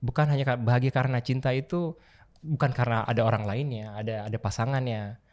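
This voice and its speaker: Male podcast guest, mid pitch, musing and hesitant, code-switching, casual. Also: steady tone, quick pace, darkish tone. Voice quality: mixes English phrases into speech, hesitant with many fillers. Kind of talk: casual chat.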